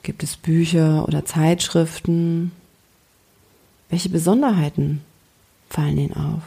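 A woman coach leading a guided relaxation in a slow, soothing, gentle way. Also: low-pitched, steady tone, creaky, slightly rough. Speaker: coach and podcast host.

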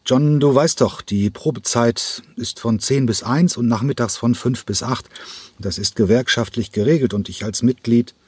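A man's voice: medium pitch, normal speed, slightly rough, no echo, pitched above the performer's own voice, natural voice. A man reading an audiobook and voicing a timid but insistent young female ballet dancer who speaks politely. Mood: hesitant. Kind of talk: audiobook character voice.

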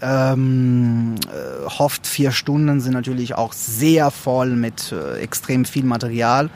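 A man answering interview questions as a lecturer, speaking haltingly with many fillers. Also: medium pitch, lively intonation, darkish tone, slight background noise.

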